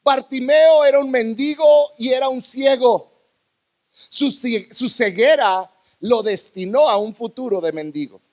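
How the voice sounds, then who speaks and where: Male preacher, very high voice, dramatic sermon delivery with loud peaks and quiet drops, church congregation. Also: measured pace. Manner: dramatic, swinging from loud bursts to hushed lows.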